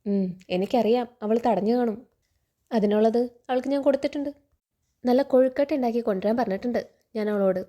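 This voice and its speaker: A betrayed, hard-questioning middle-aged man, read out by a woman in her own fairly high, mellow voice. He speaks in reproachful, probing questions. The telling stays close to plain storytelling speech. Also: fairly quick, lightly acted. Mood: stern, probing.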